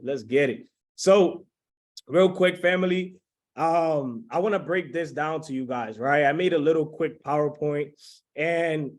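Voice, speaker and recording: Young guy from the dominican republic on a video call, hyped webinar pitch, kinda high voice, keeps checking in with everyone. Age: 20s. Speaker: webinar host.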